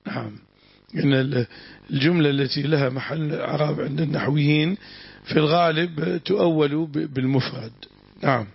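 A man's voice: steady tone, moderate pace, vocal fry, husky, dry recording. A man teaching a classical Arabic religious lesson, patiently explaining terms and often saying yes to approve the reader. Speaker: sheikh explaining tafsir. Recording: dull dry low-fi recording.

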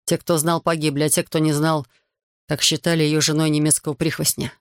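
A man's voice: a little high, little pitch movement, a little fast, smooth, no room sound, studio quality, close to an everyday voice. A man voicing a proud, hot-tempered officer who argues insistently. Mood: earnest.

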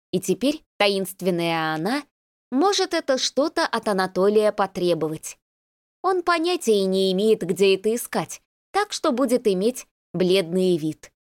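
A woman reading a novel aloud as an expressive narrator. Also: medium pitch, dry recording, studio quality. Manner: expressive, lively storytelling. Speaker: audiobook reader. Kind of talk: scripted narration.

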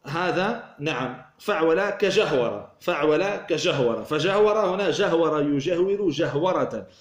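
Man teaching in an echoey room. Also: fairly high pitch. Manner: asks questions and answers them himself, repeats words. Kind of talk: explaining a grammar poem. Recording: roomy echo.

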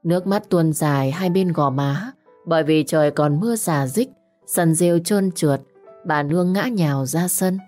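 A woman with a low voice reads a village tale at a measured, dramatic pace. Her delivery slows down at the grim turns of the story. Faint music plays under her narration. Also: darkish tone. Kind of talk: scripted audio story narration.

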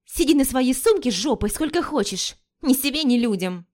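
Woman putting on a pushy slangy young gal, way higher voice, flighty. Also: animated, darkish tone. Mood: offended, snapping. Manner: chatty and slangy, quick to take offense.

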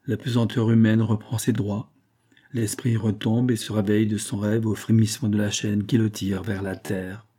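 A man reading a novel aloud as an audiobook narrator, in a measured, literary style. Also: on the low side, little pitch movement, dark tone, slightly rough. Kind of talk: scripted narration.

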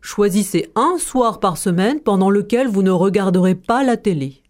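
A woman voicing an older male schoolteacher, calm and reasoning, in a storytelling performance. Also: mid-range voice, normal speed, close to an everyday voice. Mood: persuasive.

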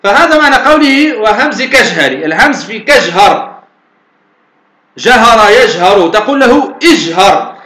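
A man's voice: high-pitched, big pitch swings, normal speed, sharp tone. A man teaching as a sheikh in a recorded lecture, patiently explaining and posing then answering his own questions. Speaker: sheikh teaching Arabic morphology. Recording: echoey room.

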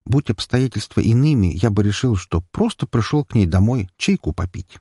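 A man reading a first-person audiobook, in a measured, expressive storytelling manner. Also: lowish voice, slightly rough, no echo, studio quality. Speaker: audiobook narrator.

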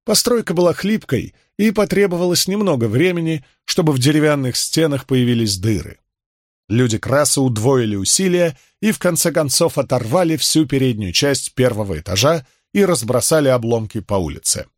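A man's voice: mid-range voice, moderate pace, no room sound. Man narrating a historical novel, dry sound. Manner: steady storytelling. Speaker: audiobook narrator.

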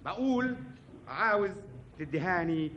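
A man's voice: high voice, lively intonation, measured pace, muffled recording. A man playing a fussy, theatrical show host with an Egyptian accent in a 1950s radio comedy, insisting on every detail. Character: fussy male show host coaching his assistant. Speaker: comic show presenter. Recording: hissy 1950s radio archive.

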